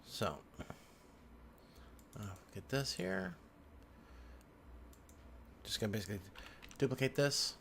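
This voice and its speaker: This man's mid-range voice carries vocal fry and a fairly bright tone; he's very animated yet slow, pausing often. Indoors at a computer, he gives a casual, unscripted screen-recorded tutorial, muttering and thinking aloud while keys and mouse clicks sound in the background noise.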